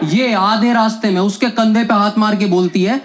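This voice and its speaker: A young man performing stand-up comedy, telling a story in an animated way and acting out the quoted lines. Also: high voice, moderate pace. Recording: loud background noise.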